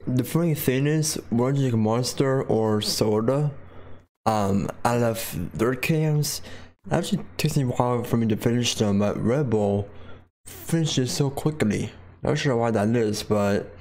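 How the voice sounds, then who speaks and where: A man's voice: medium pitch, unhurried, darkish tone. A man casually narrating his live gameplay, rambling and describing each thing he does, sometimes slipping into a joking southern drawl. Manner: puts on a self-mocking southern drawl at times. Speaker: gamer streaming live. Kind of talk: casual live game commentary.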